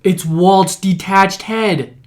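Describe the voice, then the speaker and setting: A young man co-hosting a casual podcast, cracking quick jokes. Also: high voice. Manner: joking, quick wisecracks. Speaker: podcast co-host. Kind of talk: casual chat.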